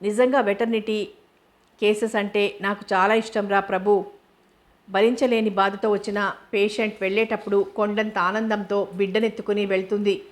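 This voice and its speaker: A woman's voice: mid-range voice, flat delivery, normal speed, natural voice. A woman voicing a hot-tempered young male doctor, in a brusque, brooding storybook reading. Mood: eager. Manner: brusque, brooding inner monologue.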